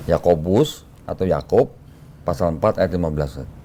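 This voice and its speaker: A man hosting a casual talk show who laughs often and reads verses out slowly. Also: deep voice, dark tone, slight background noise.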